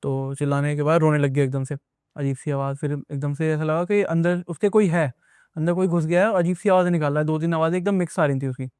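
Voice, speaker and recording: A man's voice: fairly high pitch, fairly even intonation, quick pace, a little mellow, clean tone, dry recording, clean studio sound. A young man casually recounting an experience as a guest, rambling and repeating himself as he tells it. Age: young adult. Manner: rambling, repetitive retelling with many asides. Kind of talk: casual spoken storytelling.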